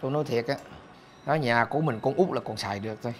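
An actor with a Southern Vietnamese accent playing a gruff, hot-tempered middle-aged father who scolds and curses loudly. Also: medium pitch, rapid-fire, a little hiss or hum, natural voice. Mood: grumbling. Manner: shouting, scolding and cursing. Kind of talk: film acting.

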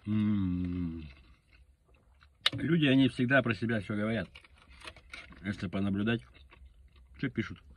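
Low-voiced man talking with his mouth full. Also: unhurried, long pauses. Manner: blunt, crude, musing while chewing. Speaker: food vlogger. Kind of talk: casual eating vlog, rambling aside. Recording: background noise.

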